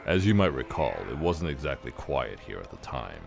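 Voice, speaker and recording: A man doing a gravelly, sardonic half-orc warrior. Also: very deep voice, sing-song, normal speed, music in the background, exaggerated voice. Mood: wry.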